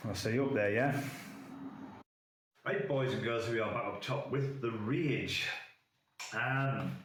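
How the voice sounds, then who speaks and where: A vape reviewer with a chesty cold speaks at a medium pitch and a measured pace. He casually demonstrates vape gear hands-on, rambling with lots of fillers. The room is echoey, with faint noise.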